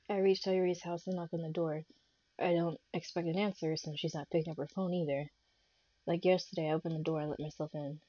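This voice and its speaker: A young woman streaming a visual novel, reading its text aloud in a measured voice and breaking into loud reactions. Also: low-pitched, dry recording. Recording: dull lo-fi stream audio with faint game music.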